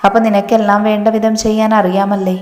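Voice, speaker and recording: A cruel young husband who barks orders and sneers at his wife, voiced by a woman reading a story. The delivery stays even and flat, and the voice rings in an echoey room with faint music behind. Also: mid-range voice, brisk, close to an everyday voice. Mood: threatening. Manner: harsh, threatening, mocking. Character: abusive bullying young husband.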